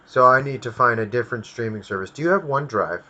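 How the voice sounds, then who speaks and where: A man's voice: mid-range voice, expressive, fast talker, bright, forceful tone, dull audio. A man hosting a casual livestream, ranting with lots of swearing. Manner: profane ranting. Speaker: stream host.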